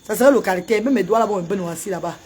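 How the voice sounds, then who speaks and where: A woman from Cameroon, chatting casually on a live stream and breaking into loud wailing chants. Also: medium pitch, rapid-fire. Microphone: phone camera.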